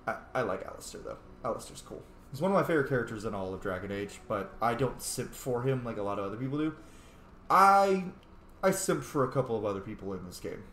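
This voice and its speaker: A fast-talking male game streamer, expressive and a bit bright in a mid-range voice, roleplays through a video game. He gives casual, playful, opinionated commentary laced with free swearing, recorded with roomy echo and clear background noise.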